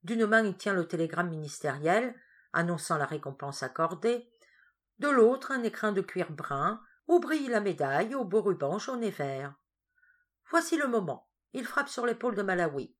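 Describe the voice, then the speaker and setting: A woman narrating an audiobook in a lively, expressive reading. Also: medium pitch, normal speed. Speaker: audiobook reader.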